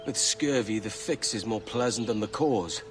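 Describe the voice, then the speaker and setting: A man's voice: on the low side, normal speed, close to an everyday voice. Guy as a cocky blunt pirate captain in a game, roguish, music behind him. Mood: wry. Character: brash, ambitious younger male pirate captain, stubborn and blunt. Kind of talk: cinematic video game acting.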